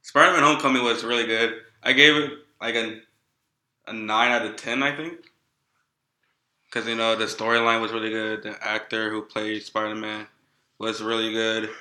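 A man's voice: on the low side, flat delivery, moderate pace, pushed and bright, roomy sound, low-quality recording. A man chatting casually about movies in a laid-back, slangy way.

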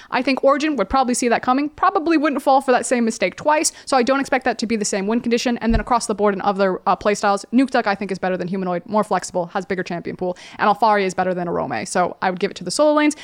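A woman giving casual esports analysis, animated and quick to act out what teams would say. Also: a little high. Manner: animated, acts out quoted voices.

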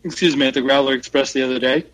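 A man co-hosts a podcast in a casual chat with a steady, medium-pitched voice that's a bit bright, over slight background noise. He rambles, halts and self-corrects, and it sounds like a phone call on a weak internet line.

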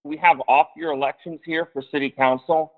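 Guy on a choppy phone line calling into a show, tinny, rambly, a bit high-voiced. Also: steady tone, moderate pace. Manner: rambling, hedging, swears casually. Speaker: caller. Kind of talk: casual call-in chat.

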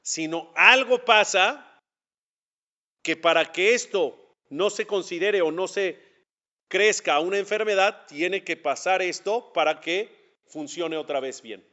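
On a dull lo-fi recording, a male rabbi with a voice a little high for a man teaches a religious class slowly, his tone pushed and bright. He addresses the students directly in a conversational manner, asking questions and answering them himself.

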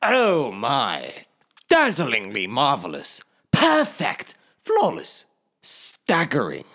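A man voicing a small, flattering, nervous male hobbit in an audiobook reading, fawning and stammering when cornered. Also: mid-range voice, unhurried. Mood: gushing.

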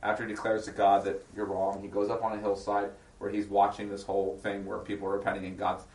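Man, low voice, casual Bible study teacher, reads scripture then unpacks it, recorded from a distance in an echoey room. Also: monotone, fast talker, darkish tone. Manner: asks the group check-in questions. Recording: echoey room, voice far from the mic.

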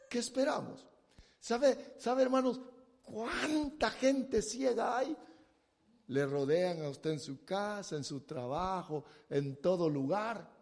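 This man's high-pitched, vocal-fry voice fills a big-sounding room as he preaches with dramatic flair. He acts out scenes and pleading voices, shouting the blind man's pleas himself.

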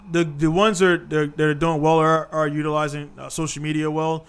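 A man's voice: a little high, little pitch movement, fairly quick, clear, resonant tone. A man in his thirties hosting a casual podcast chat, laid-back and peppering his talk with "man". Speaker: podcast host.

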